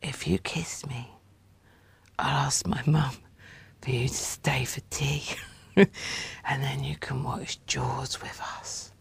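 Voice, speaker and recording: A woman's voice: very deep voice, fairly even intonation, slow pace, long pauses, pitched below the performer's own voice, exaggerated voice. A woman whispering as a lisping spoilt little girl. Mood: coaxing whisper. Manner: breathy, hushed and coaxing. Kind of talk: whispered role-play.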